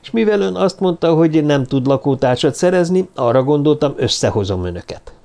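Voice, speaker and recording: A man's voice: fairly high pitch, animated, creaky, mellow. A man reading the part of Stanford, a chatty and jovial young acquaintance, in an audiobook. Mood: friendly.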